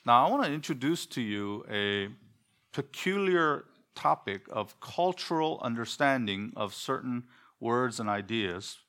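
A man whose first language is Korean, preaching an expository sermon in church with a measured, deliberate delivery and rhetorical questions. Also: medium pitch, animated, a bit bright. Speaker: pastor. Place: church sanctuary.

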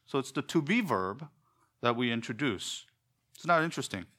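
A man whose first language is Korean, preaching an expository sermon in church with a measured, deliberate delivery and rhetorical questions. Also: medium pitch, expressive, fairly bright tone. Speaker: pastor. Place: church sanctuary.

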